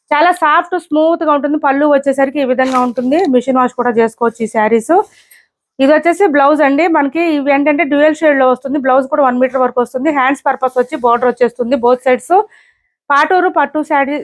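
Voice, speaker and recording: Brisk high-voiced woman selling sarees. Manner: brisk, repetitive price callouts. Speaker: saree seller. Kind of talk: online sales showcase.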